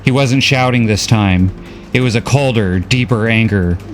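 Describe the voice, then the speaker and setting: A man reading a novel recap as scripted story narration, steady and measured. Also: on the low side, faint music behind.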